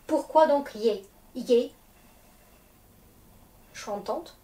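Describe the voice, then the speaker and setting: A woman's voice: a little high, lively intonation, extremely slow, dark tone. A woman who is a Russian teacher and native Russian speaker, explaining grammar patiently and checking often that the class follows. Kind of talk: classroom lesson. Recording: echoey room, distant mic, faint noise.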